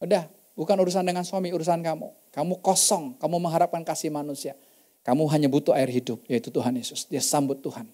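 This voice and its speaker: A man's voice: on the high side, steady tone, fast talker, warm tone. A man pastor preaching a church sermon, telling testimony stories in an emphatic, conversational way. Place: church service.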